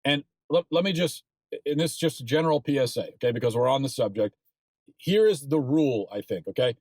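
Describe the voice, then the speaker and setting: A man's voice: mid-range voice, lively intonation, a little fast, a little mellow, slightly rough, dry recording. A man delivers solo political commentary in a mid-range voice, building his arguments and leaning into emphatic, insistent points. He is recorded close on the mic in a dry studio with no room sound. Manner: sports analogies.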